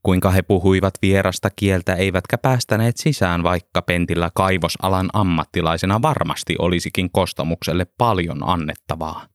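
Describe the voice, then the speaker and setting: Low-voiced man narrating a story, calm, dry close sound. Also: hardly any pauses, no echo. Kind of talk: audiobook narration.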